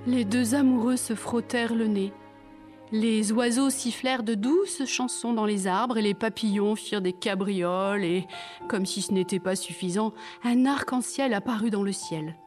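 A woman's voice: mid-range voice, normal speed, darkish tone, faint music behind. A woman reading a children's story aloud with playful, wry asides.

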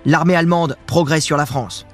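A man's voice: fairly high pitch, steady tone, moderate pace, faint music behind. A man giving scripted history narration with casual asides, talking straight to the listener in a chatty way. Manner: chatty, addresses the listener directly.

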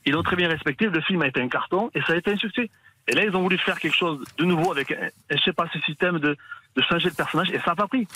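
A man's voice: on the high side, rapid-fire, pushed and bright, slight background noise, poor audio. A man in his forties calling a radio show, talking eagerly and stumbling over his words. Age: 40s. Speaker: caller. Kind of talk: phone-in chat.

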